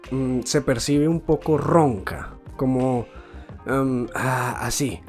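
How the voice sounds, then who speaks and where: A man giving a calm, explanatory spoken tutorial on imitating a voice, now and then showing the sounds himself. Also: mid-range voice. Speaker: voice imitation teacher.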